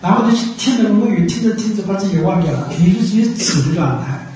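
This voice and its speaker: A man giving an unhurried Buddhist dharma talk, repeating himself and pausing on drawn-out fillers. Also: sits high, expressive, dark tone. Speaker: Buddhist teacher. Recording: echoey room, voice from far off.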